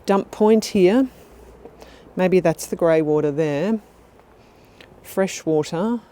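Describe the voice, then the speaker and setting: A woman's voice: lowish voice, slow, mellow. A woman chatting on camera outdoors in a casual travel vlog, bubbly and often laughing. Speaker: vlogger. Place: outdoors at a lakeside town and campsite.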